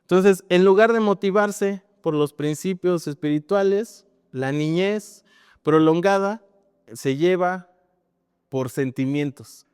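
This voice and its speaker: A man's voice: high-pitched, slow pace, a little mellow, smooth, no echo, studio quality, in a large hall. A man with a Mexican accent preaching a sermon as pastor, in a conversational style that keeps adding tag questions.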